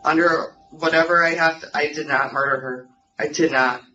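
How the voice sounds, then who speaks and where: A woman's voice: deep voice, steady tone, moderate pace, bright, forceful tone. Muffled, insistent woman defending herself under questioning. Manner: insistent, repetitive denials. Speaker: suspect under police questioning. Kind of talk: pleading, defensive interrogation answers. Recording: muffled, distant interrogation recording, music behind.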